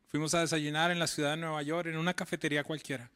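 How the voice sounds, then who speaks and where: A man preaching a sermon with a high, bright voice. He pleads through rising questions and slips into quick, conversational storytelling. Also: flat delivery, clean tone. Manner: tells stories in a quick conversational voice. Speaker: pastor.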